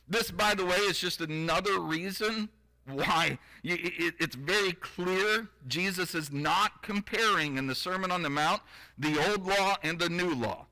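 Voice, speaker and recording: Bright, high-voiced preacher. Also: male voice, rough recording. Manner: conversational, wry asides to the congregation; reads scripture aloud, then explains it. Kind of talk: sermon.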